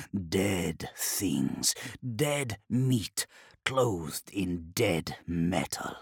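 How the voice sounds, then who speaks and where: A man reading an audiobook voices an ancient male demon who possesses a knight, speaking in slow, hissing, whispered threats with a gravelly, breathy sound. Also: fairly low pitch, sharp tone, no echo, clean studio sound, full character voice. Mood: menacing. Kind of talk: audiobook character voice.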